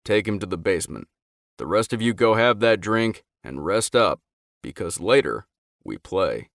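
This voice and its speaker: A gruff biker club president, as a male narrator puts him on barks out orders loudly in a dry, close-up read. the voice sits a touch lower than most men. he is rough, blunt and in charge of the whole club. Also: animated, moderate pace, no room sound. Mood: amused. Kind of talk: audiobook character voice.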